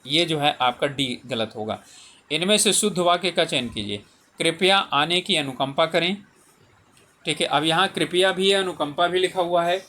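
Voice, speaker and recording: Bright-voiced man teaching a lesson. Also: fairly high pitch, lively intonation, normal speed. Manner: explanatory, reads out questions and options, frequent fillers. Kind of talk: exam paper solution lesson.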